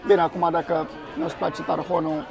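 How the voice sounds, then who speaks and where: A young man vlogs about food at an outdoor restaurant terrace, talking enthusiastically to a camera set on the table and exclaiming as he tastes. His voice is fairly high and gravelly with little pitch movement. Diners chatter in the background.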